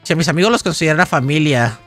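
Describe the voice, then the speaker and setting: Soft music plays as a man with a slightly high, expressive, bit-bright voice races through his words. He's a gaming livestreamer, chatting in a loose, jokey way and reading donations and chat messages.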